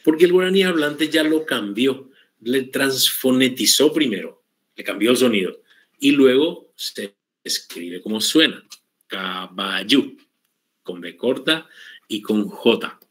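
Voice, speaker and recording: A man teaching an online Guaraní language class, explaining patiently and repeating words slowly for his students. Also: mid-range voice, expressive, fairly bright tone.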